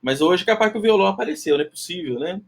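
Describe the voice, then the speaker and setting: High, husky-voiced man hosting a live class. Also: expressive, racing. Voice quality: nasal, self-described duck-like voice. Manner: chatty, greets viewers by name, often tags "né?". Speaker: live-stream host teaching self-knowledge. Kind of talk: casual live-stream talk.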